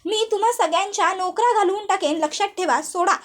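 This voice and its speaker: Woman reading as a furious shouting brother. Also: very high-pitched, quick pace, pitched above the performer's own voice. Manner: shouting, threatening. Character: furious young man, protective older brother.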